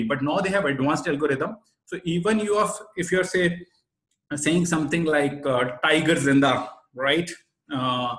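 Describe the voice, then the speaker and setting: Higher-voiced Indian man presenting, echoey room. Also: a bit bright. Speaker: webinar presenter, SEO expert. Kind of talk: explanatory webinar presentation. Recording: roomy, echoey sound.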